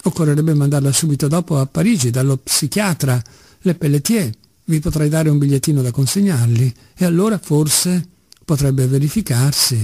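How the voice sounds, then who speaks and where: A man's voice: fairly high pitch, normal speed, dark tone, husky, no echo. A man reading the part of a haughty, irritable middle-aged doctor in an audiobook. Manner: haughty, snappish.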